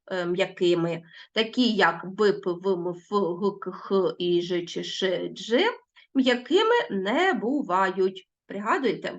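A woman teacher giving a recorded lesson to schoolchildren, slowly spelling out sounds and words. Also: medium pitch, gravelly, dull audio.

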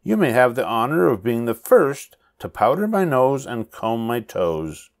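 A man's voice: medium pitch, sing-song, a little slow, voice pushed up. A man voicing a small, bossy female witch in a storybook, with a cackling, commanding manner. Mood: bossy, demanding.

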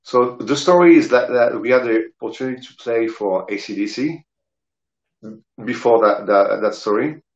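Here the southern French rock guitarist and singer talks at normal speed in a mid-range voice. He's a middle-aged interview guest whose accented anecdotes come out hesitantly while he searches for words. It's a video call from an indoor room, with roomy, dull sound.

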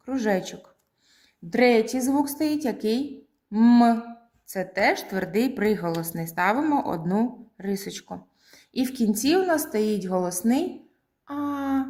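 A woman teaches a group of preschool children, sounding each word out with care. She talks at an unhurried pace, pausing so the little ones can follow. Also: mid-range voice, darkish tone. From Ukraine. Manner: slow, deliberate, drawing out words for children. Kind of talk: slow, clear preschool lesson.

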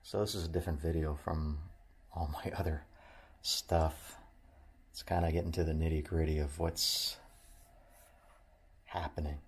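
A middle-aged man speaks slowly and reflectively to a phone held at arm's length, stopping often to restart his thoughts. His voice sits extremely low, with a flat, level contour. The tone is husky. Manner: reflective, halting, with many fillers and restarts. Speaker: vlogger. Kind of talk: casual talk to camera. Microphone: handheld phone at arm's length.

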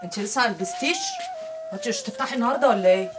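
A woman's voice: a little high, rapid-fire, over music, lightly acted. An actress playing a tough streetwise woman who scolds brashly, with an Egyptian accent. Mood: scolding.

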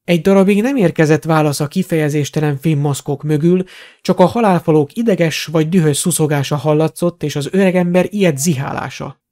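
A man's voice: fairly high pitch, darkish tone. Man narrating a fantasy audiobook. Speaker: audiobook reader.

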